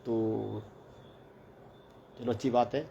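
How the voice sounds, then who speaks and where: A man's voice: on the low side, level tone, slow, creaky, mellow. A man, a teacher who helps run a hostel mess, tells a rambling everyday story in a casual vlog, peppering his talk with "bhai" and reported speech. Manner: rambling, chatty, repeats "bola" and "bhai". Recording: slightly dull lo-fi audio with faint background noise.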